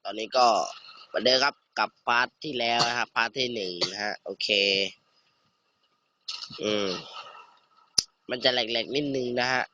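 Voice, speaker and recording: Teen gamer narrating his playthrough; bright, excitable, swears freely. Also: mid-range voice, normal speed, long pauses, a little hiss or hum. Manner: excitable, swears, banters with a friend off-mic. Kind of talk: casual gameplay commentary.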